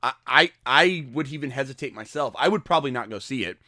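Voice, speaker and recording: A man co-hosting a podcast, chatting casually and weighing his opinions out loud. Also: medium pitch, expressive, fast talker, no room sound, studio quality. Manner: thoughtful, hedging. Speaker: podcast co-host. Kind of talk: casual chat.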